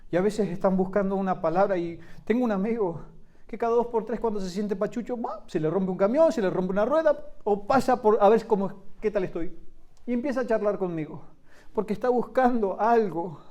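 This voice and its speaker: A man, preaching a sermon as pastor, swinging from loud emphatic lines to soft low asides. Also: a little fast.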